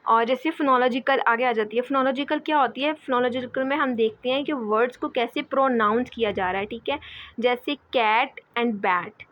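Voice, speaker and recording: A woman giving a lecture as a teacher, often checking in with "okay" and pausing with fillers. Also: high-pitched, dry recording. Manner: repeats "ठीक है", hesitant fillers. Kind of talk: explaining lecture. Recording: dull lo-fi audio.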